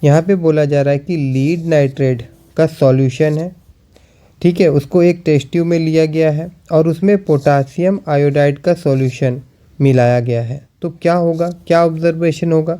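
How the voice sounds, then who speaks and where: Man teaching slowly, mellow voice. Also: on the high side, steady tone. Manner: repeats questions and answers them, slow while writing. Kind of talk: chemistry lesson.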